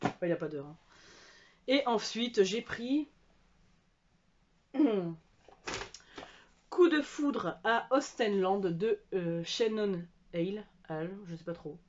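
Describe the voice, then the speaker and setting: A woman's voice: mid-range voice, animated, slow, pauses often, a little mellow, lo-fi sound. Chatty woman showing her book haul. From France. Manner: chatty, hesitant, many fillers and restarts. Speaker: book vlogger. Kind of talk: casual book haul chat. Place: at home.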